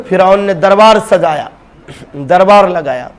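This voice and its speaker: Brief: a male preacher, high-pitched, emphatic storyteller who calls out to his listeners. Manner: emphatic, addresses the audience directly. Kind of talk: dramatic sermon storytelling.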